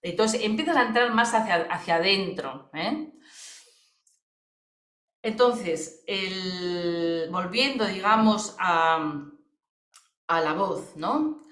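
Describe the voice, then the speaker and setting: A woman's voice: on the low side, lively intonation, slow, long pauses, a bit bright. Woman teaching in an echoey room. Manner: conversational, many fillers and tag questions. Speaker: voice therapist. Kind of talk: webinar explanation.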